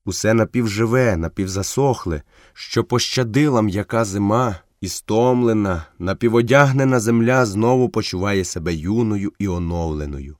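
A man reading a story aloud in a calm, measured narration. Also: fairly low pitch, no echo, studio quality. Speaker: audiobook reader. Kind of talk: scripted narration.

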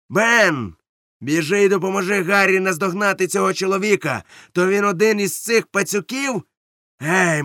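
A booming old pirate innkeeper barks orders and scolds his patrons, as a male narrator puts him on. The voice is gruff and bossy, recorded dry and close. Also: a bit bright, dry recording. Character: loud gruff one-legged pirate innkeeper, older man.

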